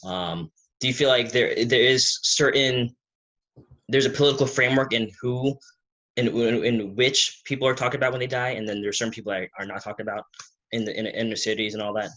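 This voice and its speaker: Bright-voiced man asking halting questions. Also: medium pitch, steady tone, dull audio. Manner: halting, restarts questions, repeats words. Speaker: interview host. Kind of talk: casual interview questions.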